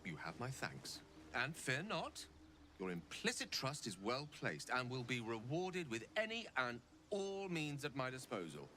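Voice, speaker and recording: Gale, a polished formal wizard. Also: male voice, mid-range voice, wildly swooping pitch, unhurried, pushed and bright, exaggerated voice. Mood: earnest. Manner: formal, courteous, slightly theatrical speech. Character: refined male human wizard, polite, secretive. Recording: game audio with music behind.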